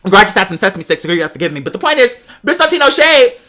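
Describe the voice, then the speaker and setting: Here a woman, acting as host, shares a personal tale with dramatic sass, using lots of slang, "girl," and profanity in an animated, casual way. She delivers it in a medium pitch at rapid-fire speed.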